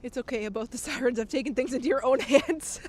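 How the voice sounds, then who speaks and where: Her voice is high, fast, and a little mellow as she live-streams outdoors on nighttime city streets. The IRL streamer chats her way through viewer comments, laughing often, slightly nasal while she recovers from a cold.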